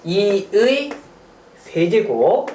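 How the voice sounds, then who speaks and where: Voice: mid-range voice, sing-song, extremely slow, warm tone, a little hiss or hum. A middle school math teacher giving a recorded lecture, chatty, asking rhetorical questions and cracking small jokes. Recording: roomy sound from a distant mic.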